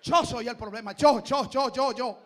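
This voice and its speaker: A male pastor preaching a fiery sermon, shouting fervently and repeating phrases in rising chants. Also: very high-pitched, moderate pace. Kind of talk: fiery Pentecostal-style sermon.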